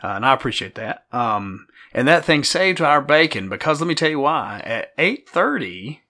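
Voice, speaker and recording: A man in his late forties, hoarse and gravelly today, co-hosting a casual podcast and rambling with many fillers. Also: medium pitch, sing-song, normal speed, pushed and bright. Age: 40s. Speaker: podcast co-host.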